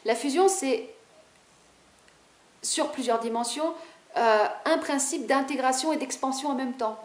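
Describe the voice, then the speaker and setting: High-voiced, fast-talking woman vlogger. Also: reverberant. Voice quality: high-pitched. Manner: fast, talkative, animated and a bit rebellious. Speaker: spiritual vlogger. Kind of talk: casual spiritual monologue to camera.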